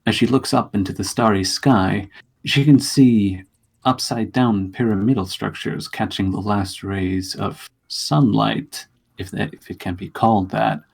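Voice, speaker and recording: A man narrating a tabletop role-play game as game master, telling the story deliberately with dramatic, halting pauses. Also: lowish voice, fairly even intonation, vocal fry, breathy edge.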